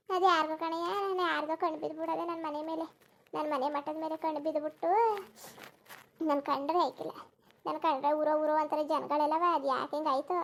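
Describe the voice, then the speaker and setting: Girija, shrill bitter old mother-in-law. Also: creaky. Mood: moaning, self-pitying. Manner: wailing, moaning and cursing under her breath. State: in pain with a hurt back. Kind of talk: cartoon voice acting.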